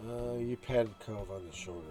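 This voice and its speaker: A man playing through a visual novel, reading its text aloud with restarts and commenting on the characters. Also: lowish voice. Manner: slow, chatty, reads text aloud with restarts. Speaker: gameplay narrator. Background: soft background music.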